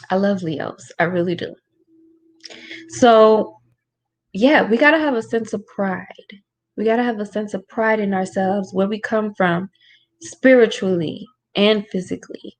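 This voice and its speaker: A woman spiritual teacher hosting a casual Q&A from a room at home. She keeps her voice lowered and talks in an informal, rhetorical way, often checking in with "right?". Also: darkish tone. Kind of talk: casual livestream talk with Q&A.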